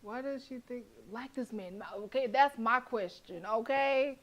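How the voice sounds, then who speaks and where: Reading a horror visual novel's narration aloud on stream, a young woman speaks at a measured pace in a somewhat high voice, with the highs of the audio cut off. Her reactions are blunt, profane, and animated, and she laughs frequently.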